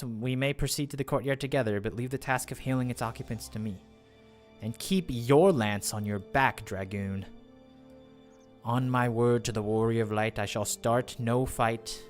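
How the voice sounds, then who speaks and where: Man playing a grim, menacing dragoon knight. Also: lightly acted. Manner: curt, menacing, low-key one-liners. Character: grim, threatening, edgy male dragoon knight.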